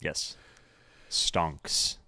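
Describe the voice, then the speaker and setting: A man's voice: extremely slow, sharp tone, dry recording. A young man co-hosting a sports podcast in casual chat, with dry, wry humor. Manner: dry, wry jokes with frequent laughs. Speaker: podcast co-host.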